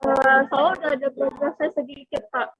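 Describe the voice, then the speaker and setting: A woman's voice: high-pitched, little pitch movement, moderate pace, fairly bright tone, no room sound, soft background music. A woman student answering politely and a little hesitantly, her voice breaking up on a choppy online call. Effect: choppy, breaking-up online call audio. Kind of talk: reporting progress in an online class. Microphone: video call. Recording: dull, distant voice over a choppy online call.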